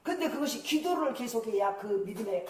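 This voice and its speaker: A woman's voice: a little high, expressive, a little fast. A woman pastor preaching a revival sermon in an emphatic manner. She laughs often and acts out quoted prayers. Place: church sanctuary. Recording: echoey church hall, mic far off.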